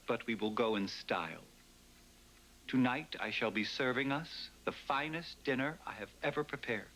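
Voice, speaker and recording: A man playing a crisp, formal, dry household servant. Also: medium pitch, normal speed, pushed and bright, a little hiss or hum, natural voice, rough recording. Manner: precise, formal, dryly ironic. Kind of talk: 1980s sitcom acting.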